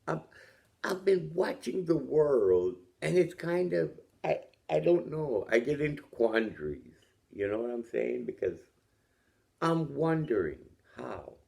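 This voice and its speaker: A toothless man with a Jamaican accent thinks aloud, his lips folding over his gums so the consonants come out soft. His voice is creaky and his pitch swings widely as he goes. He takes his time, offering opinions and rhetorical questions in a loose, reflective monologue.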